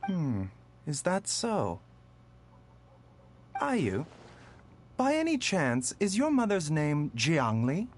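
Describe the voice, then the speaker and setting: A man voicing a refined, composed physician in a video game, soft and polite with measured formal phrasing. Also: a little high, huge pitch swings, a little hiss or hum, exaggerated voice. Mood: attentive. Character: gentle, courteous male physician, refined and composed.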